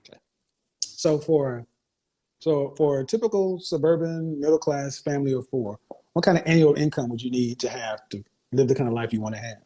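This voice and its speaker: On a call-in advice show, the male host questions a caller in a blunt, interrogating way, interrupting again and again. His voice is mid-range, moderately paced, mellow, and a little breathy, and the audio quality is poor.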